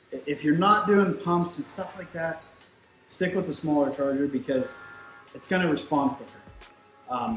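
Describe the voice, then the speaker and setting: A man in casual, explanatory technical shop talk, speaking conversationally as a product expert, with machines running behind him. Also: fairly high pitch. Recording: roomy echo, music, machinery behind. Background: shop machines running in the background.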